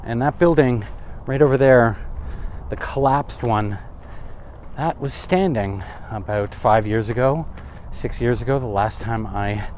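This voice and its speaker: Here's a thirtysomething man vlogging a desert walking tour on a handheld camera or phone mic. He speaks in an unhurried, darkish mid-range voice, chatting casually with wry remarks and questions to himself, over slight background noise.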